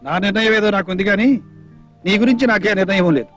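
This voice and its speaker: A stern, principled young man who speaks firmly and curtly. His voice is fairly high and quick, with faint music behind. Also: fairly bright tone. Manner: firm, curt, dismissive. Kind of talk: 1970s Telugu film acting.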